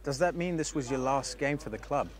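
A man voicing a professional male sports interviewer in a video game, asking crisp post-match questions. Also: mid-range voice, soft background music, lightly acted. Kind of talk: scripted game dialogue.

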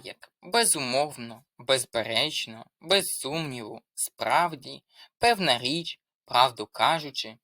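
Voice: mid-range voice, sharp tone, no room sound, studio quality. A language tutor giving an explanatory lesson, methodically reading out lists of examples.

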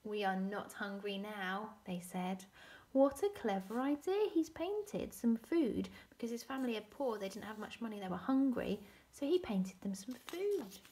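A woman teacher reading a storybook aloud to children, expressive, often dropping to a whisper and asking questions. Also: medium pitch.

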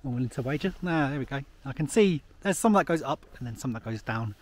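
A man's voice: mid-range voice, animated, quick pace. Chatty man vlogging outdoors. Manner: rambling, chatty, laughs often, many fillers. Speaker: travel vlogger. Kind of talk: casual vlog chat while hiking. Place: snowy mountain path outdoors. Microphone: camera held at arm's length.

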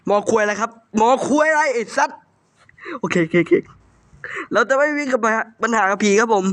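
High-pitched, bright, swearing young gamer man. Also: a little fast. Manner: loud, swearing constantly, yelling at ghosts. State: runny nose, has a cold. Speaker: gaming YouTuber playing a horror game. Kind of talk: profane live gameplay commentary.

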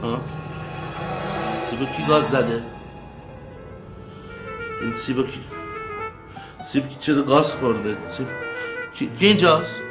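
A man's voice: mid-range voice, pauses often, music in the background, natural voice. An actor playing a clownish amateur magician with playful showman patter. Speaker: sitcom character, amateur magician. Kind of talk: sitcom acting.

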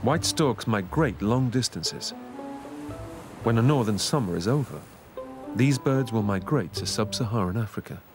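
A man narrating a scripted nature documentary in a measured, informative way. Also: lowish voice, expressive, over music.

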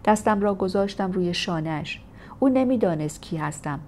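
A woman narrating a first-person memoir in a steady, measured audiobook reading. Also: mid-range voice, a little hiss or hum. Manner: steady, measured storytelling delivery.

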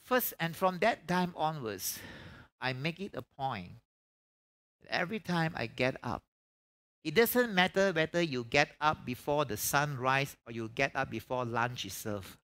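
A man's voice: mid-range voice, animated, unhurried, fairly bright tone. A middle-aged man preaches a conversational revival sermon, emphatically, with repeated phrases and rhetorical questions. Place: church stage, indoors.

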